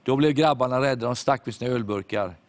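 A man preaching a sermon, telling a story with animated quoted voices and sudden hushed moments. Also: mid-range voice, dry recording. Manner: drops to hushed tones at reflective moments.

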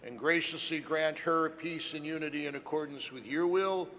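Priest praying in cathedral echo. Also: male voice, fairly high pitch, fairly bright tone. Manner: measured, solemn prayer delivery. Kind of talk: reciting Mass prayers. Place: large church. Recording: long hall reverb with faint noise.

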